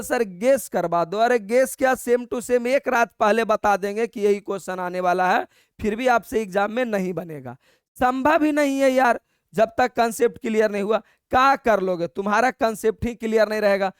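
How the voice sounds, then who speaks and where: A man teaches an exam-prep maths class, his voice sitting high and coming through smooth and clear. He talks in a colloquial, coaxing way, calls the students brother, and dictates each step slowly, repeating it. The sound is dry and close to the mic. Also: dry recording.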